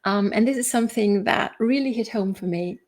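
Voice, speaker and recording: A motivational coach and video host whose first language is German gives a talk in a mid-range, darkish voice at a fairly quick pace. She keeps it conversational, using rhetorical questions to draw agreement.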